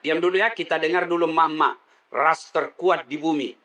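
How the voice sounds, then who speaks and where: A man's voice: a little high, steady tone, a little fast, bright, forceful tone, a little hiss or hum. A middle-aged man preaching a comedic sermon, teasing the crowd and leading call-and-response. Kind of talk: comedic sermon to a live audience.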